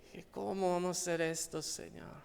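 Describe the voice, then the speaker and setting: A man with a Mexican Spanish accent preaching a sermon built on personal testimony, slow and emphatic, rising when he stresses a point. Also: high voice, flat delivery, vocal fry, a little mellow, clear, resonant tone. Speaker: pastor. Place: church hall. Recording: long hall reverb.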